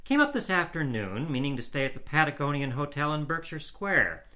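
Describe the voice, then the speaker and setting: An eager, aggrieved young man tells his tale of being stranded, as a male storyteller puts him on, pitched well above the reader's own voice. His tone is bright and ringing, and his words tumble out in a pleading rush. It is a storybook reading. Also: sing-song, brisk.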